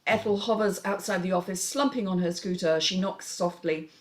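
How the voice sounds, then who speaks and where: Reading a screenplay aloud as its narrator, a woman with a lower-pitched voice delivers the scene headings and action lines at a moderate pace. It is scripted storytelling narration, voicing the stage directions.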